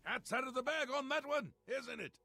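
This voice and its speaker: Mad theatrical game god, creaky bright voice, mercurial, gleeful then menacing. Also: male voice, animated, normal speed, exaggerated voice. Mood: unsettled, brooding. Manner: flamboyant, swinging from gleeful cries to low menace. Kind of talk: fantasy game character acting.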